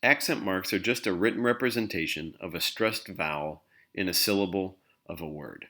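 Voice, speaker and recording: Male language teacher, very low voice, patient scripted explainer. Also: normal speed, pushed and bright. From English-speaking country. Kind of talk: scripted instructional narration.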